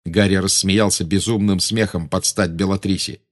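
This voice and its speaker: A man narrating an audiobook with an expressive, dramatic reading. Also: deep voice, normal speed.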